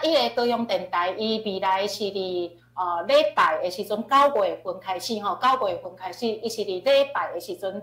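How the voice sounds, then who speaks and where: A woman with a Taiwanese accent and a medium-pitched, fairly bright voice teaches informally in an online question-and-answer session, explaining things and repeating key phrases. The online video class audio is echoey.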